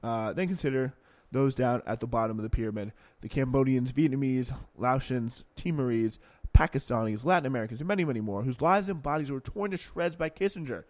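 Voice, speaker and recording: A man's voice: mid-range voice, a little fast, darkish tone, no room sound. Male podcast host with a middle-range voice, sardonic commentator reading news aloud with sarcastic asides. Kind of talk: political commentary, reading and remarking.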